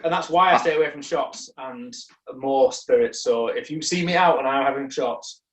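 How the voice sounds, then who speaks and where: A man's voice: mid-range voice, normal speed, distant mic, slight background noise. Young male podcast co-host, rambling and self-mocking, voice well off the mic in an echoey room. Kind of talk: casual chat, storytelling.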